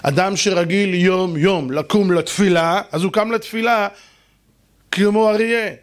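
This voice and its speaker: An Israeli man gives an animated sermon in a fairly high voice. He peppers his listeners with rhetorical questions and teasing jabs. Now and then he breaks into a shout. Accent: Israeli Hebrew. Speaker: rabbi giving a lecture. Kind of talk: lively sermon to an audience.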